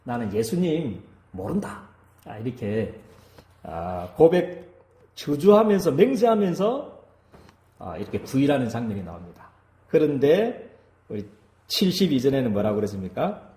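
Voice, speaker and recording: Warm, lively-voiced male pastor preaching. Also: medium pitch, normal speed, pauses often, roomy sound. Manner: keeps asking the congregation to agree. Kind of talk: sermon. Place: church.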